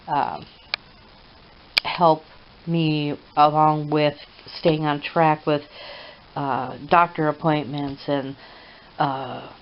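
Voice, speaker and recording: Low-voiced woman, halting home vlog. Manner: halting, many pauses and fillers. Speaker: vlogger. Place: at home indoors. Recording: dull lo-fi home video with hiss.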